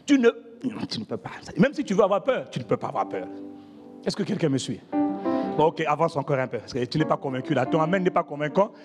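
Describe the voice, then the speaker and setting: A man's voice: fairly high pitch, big pitch swings, fast, in a large hall, music in the background. A man preaching a sermon as pastor, emphatic and calling out to the congregation. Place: church.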